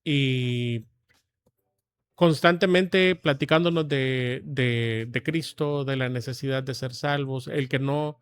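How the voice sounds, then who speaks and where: A man in his forties from El Salvador, a guest telling his life story in a measured, reflective way with frequent pauses. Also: medium pitch, smooth. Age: 40s. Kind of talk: testimony interview.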